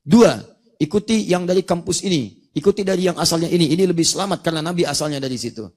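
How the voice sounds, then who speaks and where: A male preacher delivers a religious lecture at a brisk, rapid clip. His voice sits a little higher than most men's, and he keeps posing rhetorical questions to his listeners. He breaks into recited Arabic verses between his explanations. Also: a little mellow.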